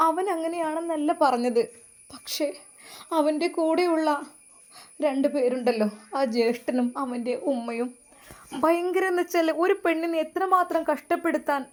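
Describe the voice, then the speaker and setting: A woman voicing a hushed, grieving older woman. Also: high-pitched. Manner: hushed, subdued.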